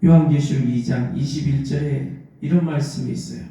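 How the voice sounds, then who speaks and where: A man's voice: on the high side, fairly even intonation, brisk, dark tone. A male pastor preaching a Sunday sermon in a church, telling the story and acting out the lines of the figures in it. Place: church sanctuary. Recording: echoey church hall.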